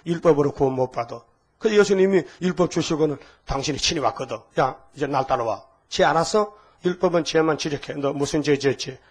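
An older man in his sixties preaching a sermon with a husky voice, emphatic and full of rhetorical questions to the congregation. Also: medium pitch. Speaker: pastor.

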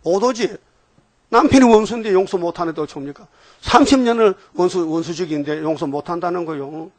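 Lively scolding male pastor, dry sound. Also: high-pitched, a little fast, dry recording. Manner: scolding, with rhetorical questions and call-and-response. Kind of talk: preaching a sermon to a congregation.

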